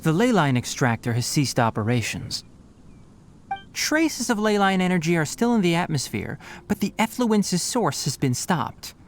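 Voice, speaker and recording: A man voicing a brisk, responsible young forest ranger in a fantasy video game, speaking in an articulate, matter-of-fact, instructive way. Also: fairly high pitch, a little hiss or hum. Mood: composed, businesslike.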